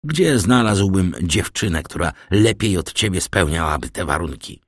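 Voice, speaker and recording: Brief: jealous young soldier, bitter and brooding, low husky voice, played by a man. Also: expressive, moderate pace, no room sound, clean studio sound. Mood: pleading. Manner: bitter, pleading.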